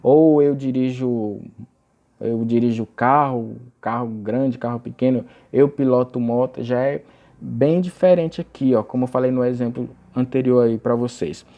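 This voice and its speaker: A young man teaching English grammar in a recorded video lesson, explaining patiently and reading example phrases aloud slowly. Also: medium pitch, fairly even intonation, dull audio.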